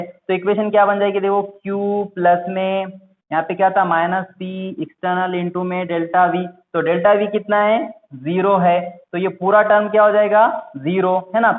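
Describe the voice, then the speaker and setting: A man with a fairly high voice delivers a lecture, keeping up a steady run of questions that he answers himself. The sound bounces around the room, and the whole thing comes through a thin, phone-like line. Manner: asks the class questions and answers them himself. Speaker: teacher. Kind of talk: classroom lecture. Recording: echoey room over a tinny, phone-like line.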